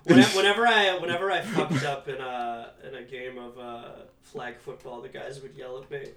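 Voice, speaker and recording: A man's voice: medium pitch, brisk, crowd noise. A man on a comedy podcast, chiming in with dry remarks and stories. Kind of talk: casual comedy podcast chat.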